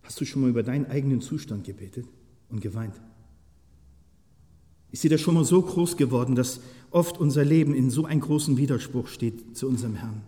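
A man preaching a sermon with passion, moving from quiet, searching questions to loud, pleading outbursts and putting questions straight to his listeners. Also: medium pitch. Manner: impassioned, swings from soft to loud shouting; asks the listeners many direct questions. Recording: long hall reverb.

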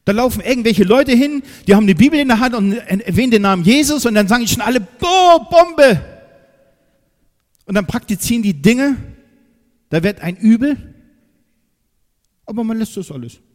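A man preaching with fervor, his fairly high voice jumping between loud outbursts and hushed, low remarks. He keeps putting questions to the listeners. His voice rings out with a long reverb tail, as in a big hall. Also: animated, brisk. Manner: emphatic, swings from loud to quiet, asks the listeners questions. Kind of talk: sermon.

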